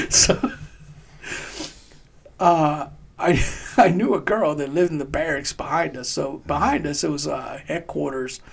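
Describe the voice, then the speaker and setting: A man casually telling a rowdy army story on a podcast, swearing often and laughing as he acts out shouted quotes. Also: fairly high pitch, slow, vocal fry, pauses often, husky. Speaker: podcast co-host, army veteran.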